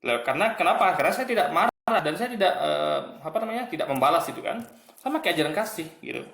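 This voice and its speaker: A man's voice: on the high side, lively intonation, fast talker, creaky, a bit bright, roomy sound. A man giving a casual commentary monologue, arguing and mocking as he addresses his viewers. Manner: argumentative, mocking, repeats "guys" and "gitu kan". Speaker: online commentator.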